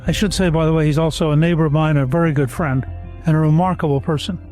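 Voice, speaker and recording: An older man leads the interview in a measured, admiring tone. His voice sits high but sounds mellow and warm. The sound is dry and close, with faint music underneath. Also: steady tone. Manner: measured, complimentary questioning. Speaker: podcast host. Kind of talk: interview talk.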